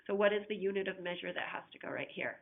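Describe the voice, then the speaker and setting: A woman's voice: medium pitch, animated, quick pace, gravelly. A woman math teacher patiently walking students through unit conversions step by step, with a recurring cough. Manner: patient, talks through each step, asks students to check along. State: coughing repeatedly. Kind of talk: recorded flipped-classroom math lesson. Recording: tinny, phone-like audio.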